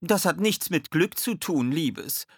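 A man voicing a cheerful, motherly female sheep with a high, chatty voice. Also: lively intonation, slow pace, slightly rough, dry recording, studio quality, full character voice. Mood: beaming. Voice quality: high, warm-hearted, chatty.

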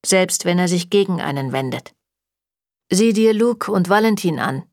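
A woman's voice: fairly low pitch, lively intonation, normal speed, darkish tone, no room sound, lightly acted. A woman reading a German audiobook, voicing a sardonic, evasive male warlock who answers with dry mockery. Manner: dry and mocking.

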